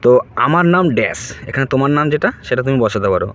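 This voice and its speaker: A man's voice: medium pitch, big pitch swings, very fast, fairly bright tone. A man giving a casual spoken language lesson, repeating each word and often checking with "right?". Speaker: language teacher.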